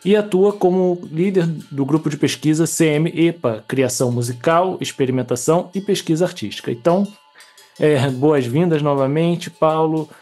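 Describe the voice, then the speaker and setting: A man's voice: a little high, moderate pace, dark tone, soft background music. A man co-hosting an interview over a video call, reading a guest's bio and then asking questions, hesitant and full of fillers. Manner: hesitant, with many fillers and restarts. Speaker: co-host.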